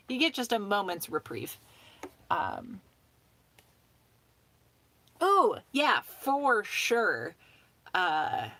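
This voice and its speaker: A young woman chatting casually on a live stream, rambling with lots of "um" and "like", laughing often and talking fast with some mumbling. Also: medium pitch, a bit bright, no echo. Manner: talks fast and mumbles at times.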